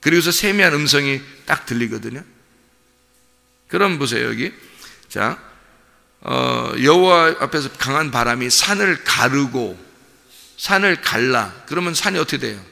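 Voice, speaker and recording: This is a male pastor preaching at an early-morning service. He speaks in a loose, conversational way and drops into little acted exchanges. His voice is strongly gravelly, with a bright, forceful edge, and it carries a long reverb from the church hall around him. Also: mid-range voice, animated, moderate pace, long pauses. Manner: conversational preaching, acting out dialogue, frequent fillers. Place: church sanctuary.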